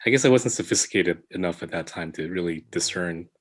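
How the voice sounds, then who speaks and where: A man, a podcast guest, answering in a hesitant way with many pauses. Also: deep voice. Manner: hesitant, with fillers and restarts. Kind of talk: casual interview.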